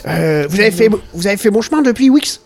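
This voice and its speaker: A man's voice: sits high, lively intonation, fast talker, vocal fry, a little mellow, voice pushed up. A man voicing a plump, fumbling male village mayor who hesitates and stumbles over his words in an improvised role-play. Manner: hesitant, stumbling, lots of "euh".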